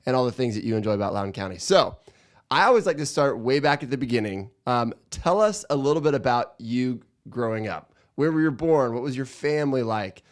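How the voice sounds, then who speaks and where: A man's voice: mid-range voice, expressive, brisk. A man hosting a local podcast, introducing his guest and asking questions in an upbeat, enthusiastic way. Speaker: podcast host. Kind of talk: podcast interview.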